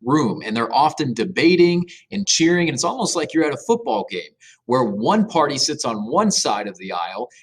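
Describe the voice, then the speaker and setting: A man's voice: mid-range voice, big pitch swings, normal speed, hardly any pauses, slightly rough. A man teaching a government class in a casual, jokey, conversational way. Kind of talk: classroom lecture video narration.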